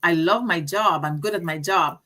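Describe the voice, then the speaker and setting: A woman's voice: on the low side, normal speed, bright, forceful tone. A middle-aged woman from Guyana with a Guyanese accent, hosting a casual live-stream chat, talkative and given to repeating words. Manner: chatty, laughs often, repeats words. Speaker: host.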